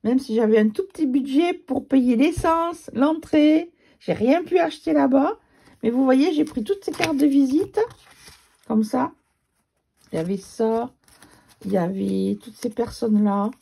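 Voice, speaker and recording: Woman scrapbook vlogger, regional accent, gravelly voice, casual rambling chat. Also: sits high, a little slow, dark tone, a little hiss or hum. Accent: regional French accent. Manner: chatty, rambling, with fillers.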